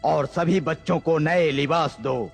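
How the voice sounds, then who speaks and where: A man's voice: fairly high pitch, unhurried, gravelly, faint music behind. An actor dubbing a proud ancient king who makes solemn proclamations. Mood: proclaiming. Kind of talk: Urdu film dubbing.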